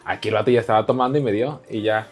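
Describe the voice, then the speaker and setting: A man's voice: lowish voice, steady tone, very fast, faint music behind. Mexican man, podcast guest, spins a bawdy anecdote and acts out both sides, casual and crude. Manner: crude, joking, acts out dialogue. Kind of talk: casual storytelling.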